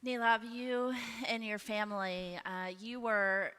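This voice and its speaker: A woman hosts an on-stage conversation, thanking and encouraging her guest. Her voice is bright and smooth, at a middle pitch. Long hall reverb follows her words. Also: slow. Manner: warm, effusive, encouraging. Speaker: host. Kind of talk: stage interview in a church ministry event. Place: church hall.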